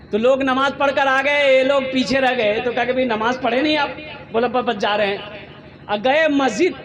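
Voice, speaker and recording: A man preaching a sermon with a Bengal-region Hindi accent, declaiming with loud rising exclamations and then dropping to a low, hushed delivery. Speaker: Islamic preacher. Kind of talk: impassioned sermon. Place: gathering before a crowd. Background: crowd noise.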